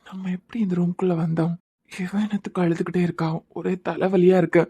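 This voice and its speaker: A woman's voice: medium pitch, brisk, warm tone, close to an everyday voice. A woman with a Kanyakumari Tamil accent voicing a polite, bewildered young man in a cartoon serial.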